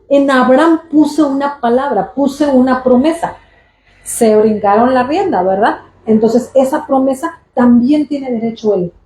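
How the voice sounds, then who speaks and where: A woman teaching a Bible class, telling the story in a lively way and acting out the characters' lines with casual asides. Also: high-pitched. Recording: roomy echo with faint background noise.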